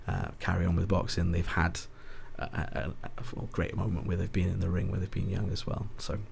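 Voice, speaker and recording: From Ebbw Vale in South Wales, this boxing ring announcer guests on a podcast, chatting casually in a Valleys accent. His low voice has vocal fry, a slightly mellow quality and little pitch movement, and he speaks fairly quickly. He is hesitant and rambling, often self-correcting, with a little hiss or hum present.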